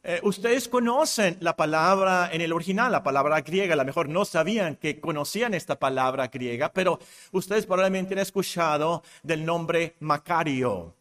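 A man giving a sermon as pastor, explaining slowly with many fillers and restarts and rising in force to stress his points. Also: fairly high pitch, fairly bright tone.

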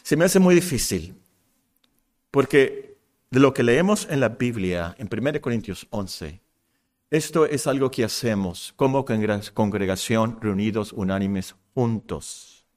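A man preaching a sermon in earnest, rising and getting louder on key points. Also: medium pitch, expressive, measured pace. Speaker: pastor.

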